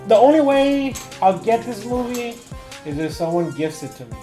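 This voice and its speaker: High-voiced man, slangy and halting. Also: sing-song, over music. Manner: halting, slangy, heavy use of "like" and repetition. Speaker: film review co-host. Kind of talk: casual film review chat with profanity.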